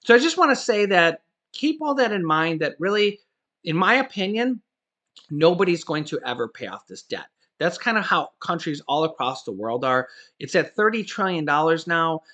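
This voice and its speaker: With big pitch swings in a voice on the high side, bright and forceful at normal speed, a man in his forties delivers casual finance-news commentary on YouTube. He's emphatic, punctuating points with repeated "okay?" and restarting or correcting himself frequently.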